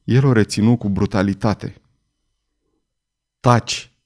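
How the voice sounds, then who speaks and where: Brief: man narrating a dramatic audiobook, mid-pitched, emphatic delivery. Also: expressive, darkish tone. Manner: measured, emphatic reading.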